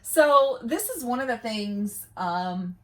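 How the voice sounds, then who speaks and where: A woman's voice: on the high side, lively intonation, slow. A woman hosting a vlog in casual, chatty style, recorded inside a small camper trailer. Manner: chatty, laughs easily while talking. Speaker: vlog host. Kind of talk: casual chat to camera.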